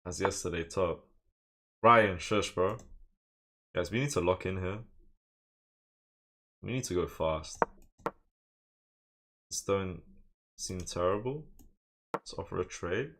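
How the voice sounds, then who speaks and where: A low-pitched, slightly bright male voice moves slowly with long pauses: a streamer from England playing online chess. Casually, he muses over moves half to himself and talks to his viewers.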